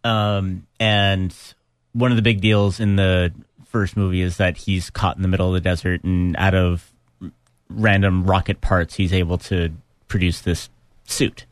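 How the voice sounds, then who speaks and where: A man co-hosting a radio talk show, telling a story with pauses and fillers. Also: low-pitched, little pitch movement, no room sound, studio quality. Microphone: studio microphone.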